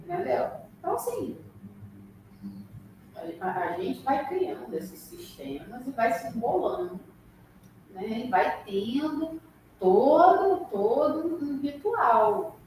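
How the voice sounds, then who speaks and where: Animated woman lecturing in an echoey hall. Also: high voice, slow pace. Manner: animated, acts out quoted voices. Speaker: study group lecturer. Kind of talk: spiritist study class talk. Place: spiritist center hall. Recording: echoey room from far off, faint hiss.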